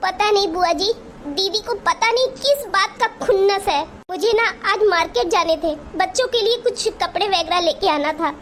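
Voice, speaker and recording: A woman's voice: very high voice, moderate pace, a bit bright, a little hiss or hum. A woman voicing a meek young daughter-in-law in a Hindi cartoon, pleading and apologetic. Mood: tearful.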